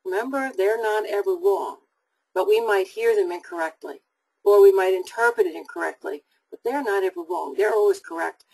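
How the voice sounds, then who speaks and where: A woman's voice: mid-range voice, normal speed, a little mellow, breathy edge, low-quality recording. A woman hosting a live call-in psychic webinar, giving readings to callers in an upbeat, reassuring way.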